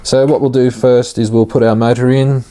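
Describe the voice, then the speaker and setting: A man giving a casual, hands-on tutorial, informal and halting as he thinks aloud while working. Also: mid-range voice, little pitch movement, mellow, a little hiss or hum. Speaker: hobbyist host of an RC car build series.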